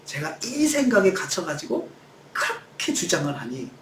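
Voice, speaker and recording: A man's voice: fairly high pitch, very animated, normal speed, roomy sound, background noise. A male pastor preaching a sermon, acting out quoted lines in shifting voices. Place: church sanctuary.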